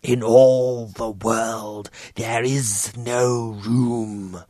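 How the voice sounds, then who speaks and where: A male audiobook narrator voicing an old fanatical sorcerer priest who speaks low and breathless, in a whispery, gravelly way. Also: fairly even intonation, drawn-out words, dark tone, dry recording, studio quality. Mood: chanting prophecy. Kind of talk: audiobook character reading.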